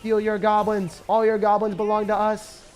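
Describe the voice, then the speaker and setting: A man's voice: high voice, normal speed, voice pushed up, close to an everyday voice. A man doing a short, stiff, robot-style voice during gameplay commentary. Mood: mechanical. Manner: attempted monotone robot voice. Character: stiff robot voice, a game-unit announcer.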